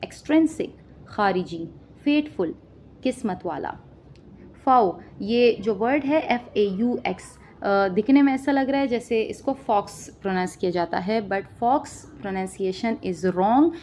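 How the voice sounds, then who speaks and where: A woman teaching vocabulary, listing each word with its meaning and often checking understanding with a quick question. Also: medium pitch, a little mellow, a little hiss or hum. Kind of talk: spoken vocabulary lesson.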